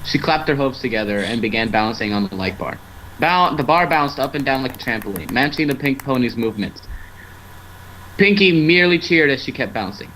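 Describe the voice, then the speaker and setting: Reading a fan story as narrator, a man of average pitch tells it casually with a bright, forceful tone, occasionally tripping over the script. The amateur online stream carries faint noise.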